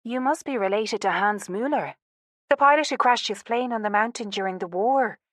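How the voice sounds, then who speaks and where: A woman's voice: on the high side, moderate pace, a bit bright, dry recording, clean studio sound, pitched above the performer's own voice, lightly acted. A woman voicing an earnest young mother of a daughter, speaking in a wondering, sincere way.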